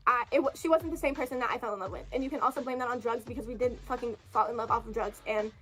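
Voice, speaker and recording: A woman's voice: a little high, very fast, a bit bright, soft background music. A young woman venting in a confessional vlog, rambling and profane, full of fillers and apologies. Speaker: vlogger telling her side of a breakup.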